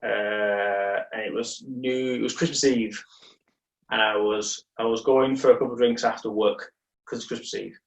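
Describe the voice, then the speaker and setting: A man's voice: medium pitch, fairly even intonation, normal speed, creaky. Rambling man, distant and roomy. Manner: rambling, self-mocking, full of restarts. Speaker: podcast co-host. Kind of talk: casual chat, storytelling.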